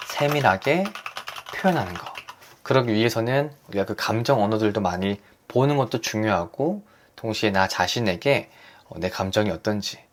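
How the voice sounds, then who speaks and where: A man hosting a live lesson for married couples, talking gently and earnestly and often asking his audience questions. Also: fairly low pitch, a little hiss or hum. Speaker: host leading a couples' reading session. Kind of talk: live online lecture to couples.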